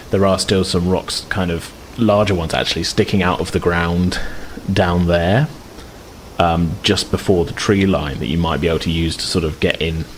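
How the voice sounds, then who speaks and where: A man with a low voice improvises descriptions while running a tabletop game as game master, often struggling to find words. The recording is rough, and background noise comes through clearly.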